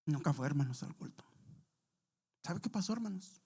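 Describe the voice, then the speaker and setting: A man preaching a sermon in church, telling a testimony and leading prayer, calling out to the brethren constantly while his loudness swells and drops. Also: fairly high pitch, lively intonation, normal speed, husky. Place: church sanctuary.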